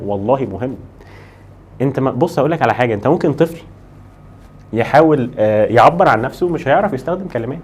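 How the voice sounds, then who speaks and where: An Egyptian Arabic-accented man teaches an English lesson at a brisk clip. He slows right down to drill English words and keeps answering questions he asks for his students. His pitch sits in an ordinary middle range for a man. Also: darkish tone. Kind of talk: lively classroom lesson.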